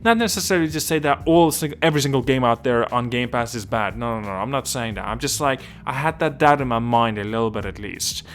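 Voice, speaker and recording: A man's voice: mid-range voice, fast, few pauses, fairly bright tone, faint music behind. A man from Estonia hosting a casual gaming video, rambling and restarting sentences while often asking whether he makes sense.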